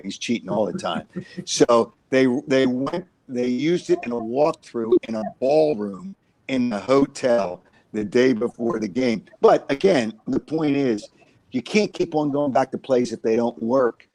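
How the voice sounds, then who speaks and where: Man, sports talk co-host, rambling, repeats points, mid pitch, dry recording. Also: darkish tone, no echo, poor audio. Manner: rambling, repeats himself, many uhs. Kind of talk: casual sports analysis chat.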